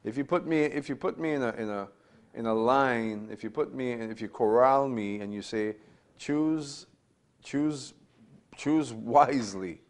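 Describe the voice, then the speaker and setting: A man's voice: medium pitch, a little slow. A man in his fifties giving a Bible class lecture, emphatic and repetitive, asking rhetorical questions while standing at a lectern in a small room. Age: 50s. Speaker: Bible teacher.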